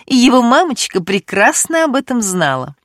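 A woman's voice: fairly high pitch, big pitch swings, moderate pace, a bit bright, dry recording, clean studio sound, pitched above the performer's own voice. A woman voicing a scornful, mocking middle-aged woman in an audiobook.

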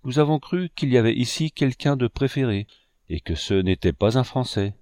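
A man's voice: mid-range voice, expressive, normal speed, dark tone, no room sound, studio quality, natural voice. A man reading aloud, voicing a candid young male painter who confesses openly. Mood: remorseful. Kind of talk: audiobook reading.

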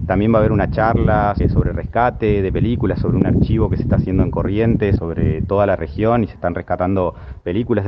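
Deep-voiced Argentine man, dull interview audio. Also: a little hiss or hum. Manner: halting, repeats words while thinking aloud. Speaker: festival artistic director, interviewee. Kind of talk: spontaneous interview answer.

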